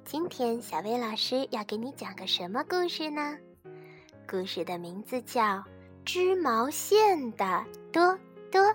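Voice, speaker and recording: A woman teacher reading a bedtime story to children in a gentle, expressive way. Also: a little high, measured pace, soft background music.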